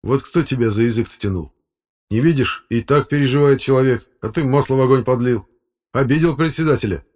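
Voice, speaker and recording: A man's voice: medium pitch, expressive, quick pace, a little mellow, voice pushed up, lightly acted. A man voicing a young village driver who speaks in a soothing, reasoning way. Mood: placating.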